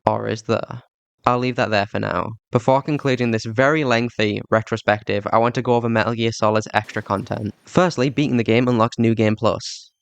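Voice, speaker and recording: A man's voice: mid-range voice, fairly even intonation, a little fast, hardly any pauses, clear, resonant tone, no room sound. A man with a thick Yorkshire accent giving video commentary as host of a game retrospective, recorded on a cheap microphone. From Yorkshire, England. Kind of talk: scripted commentary, turning to casual thanks to viewers. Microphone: cheap budget microphone.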